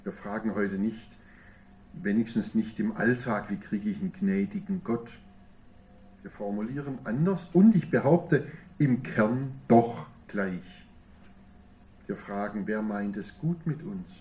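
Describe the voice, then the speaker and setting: A man delivering a sermon as pastor, in measured preaching with emphatic rising peaks. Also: fairly low pitch, mellow, recorded from a distance, dull audio, a little hiss or hum.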